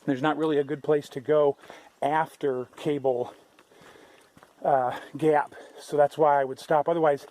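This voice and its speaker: A man vlogging his thru-hike talks to the camera outdoors on the trail, unhurried and conversational, rambling and starting his sentences over many times. His voice is on the high side with a darkish tone and fairly even intonation.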